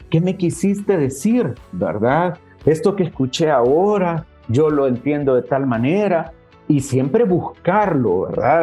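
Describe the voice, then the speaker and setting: Man, church teacher, chatty, faint music underneath. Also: fairly high pitch. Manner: warm conversational, addresses listeners as brothers. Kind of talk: casual teaching talk. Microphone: webcam.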